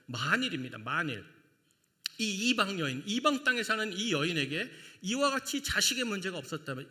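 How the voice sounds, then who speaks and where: Bright, animated male pastor preaching. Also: high-pitched. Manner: emphatic, asking rhetorical questions. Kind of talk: sermon. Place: church sanctuary. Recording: long church reverb.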